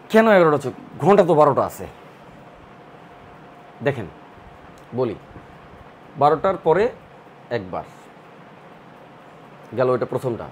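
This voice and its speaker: A man with a medium-pitched, slightly mellow voice teaches a recorded online math lesson for admission prep. He explains step by step and repeats counts in rhythmic lists, with slight background noise present.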